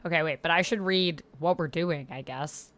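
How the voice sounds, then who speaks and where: This host has a deep, slightly bright voice and a moderate pace. During her casual livestream of a text roleplay game, she reacts aloud, talks to herself and murmurs over her reading and typing. Keyboard typing is audible in the background.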